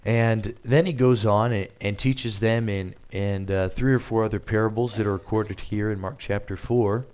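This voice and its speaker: Deep-voiced man preaching, halting. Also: fairly even intonation, a little mellow, clear, resonant tone. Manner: hesitant, many fillers and restarts; plain conversational preaching. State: strained voice. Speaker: missionary preacher. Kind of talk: sermon.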